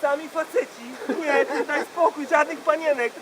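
A man's voice: extremely high pitch, moderate pace, a loud crowd, rough recording. A man playing a gossipy, crude woman on the phone in a live comic monologue, rambling with fillers and punning jokes. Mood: gossiping. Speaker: comedian. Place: bachelor party.

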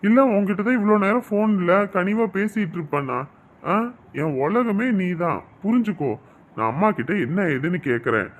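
Brief: actor for a torn, devoted husband in a family drama; animated, slightly high voice, reassuring and exasperated. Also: male voice, moderate pace. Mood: pleading. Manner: pleading, reassuring, then grumbling to himself. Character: devoted young husband caught between wife and mother. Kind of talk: melodramatic web-series acting.

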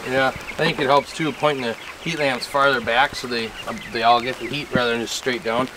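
A man's voice: mid-range voice, steady tone, a little fast, background noise. Matter-of-fact man outdoors in rain. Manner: matter-of-fact, practical explaining. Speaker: homesteading vlogger. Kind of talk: casual outdoor vlog chat. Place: outdoors on a rainy farm. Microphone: handheld camera at arm's length.

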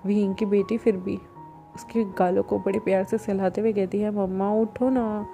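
A woman's voice: mid-range voice, level tone, moderate pace, vocal fry, warm tone, soft background music. A woman casually telling a fan-fiction romance story, chatty and sprinkling English words into her Hindi.

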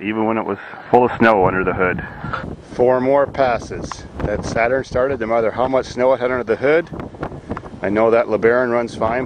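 A man's voice: on the low side, noisy background. A man from Canada, talking casually and jokily while walking around his farm, recorded on a handheld camera mic. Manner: rambling, jokey, deadpan. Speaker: vlogger. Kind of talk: casual vlog walkthrough. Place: outdoors on a farm.

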